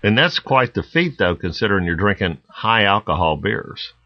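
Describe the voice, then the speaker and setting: A man hosting a casual podcast chat, easygoing and quick to laugh. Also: lowish voice, very animated, highs cut off. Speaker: podcast host.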